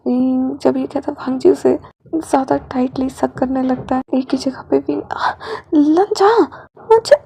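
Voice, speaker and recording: A woman reading a fanfiction story aloud as narrator, with lively, expressive delivery. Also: high voice, normal speed, vocal fry, slight background noise.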